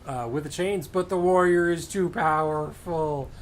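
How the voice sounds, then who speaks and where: A man's voice: fairly high pitch, unhurried, a crowd in the background. A man hosting a casual podcast, recapping matches play by play with dry sarcasm and frequent swearing. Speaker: podcast host.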